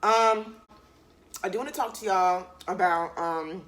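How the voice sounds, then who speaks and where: A young woman vlogging to camera, talking in a candid, relaxed way with loose slang and lots of fillers while she eats. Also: lowish voice, unhurried. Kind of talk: casual chat to camera.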